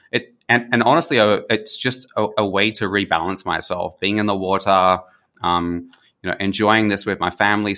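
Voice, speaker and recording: An Australian man in his forties chats easily as an interview guest. His voice is low-pitched and bright, with a forward edge. He talks in a friendly, loose way, full of ums and restarts. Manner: friendly, with frequent fillers and restarts. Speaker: podcast guest. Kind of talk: conversational interview.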